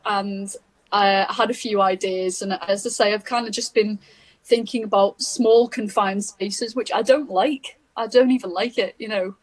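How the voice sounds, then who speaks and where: A woman with a Liverpool accent chats loosely and warmly over a video call, her thoughts wandering as she talks. She sits at a middle pitch and laughs easily between phrases. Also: slightly rough. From England. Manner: chatty, meandering, laughs easily. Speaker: guest singer-songwriter. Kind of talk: casual chat.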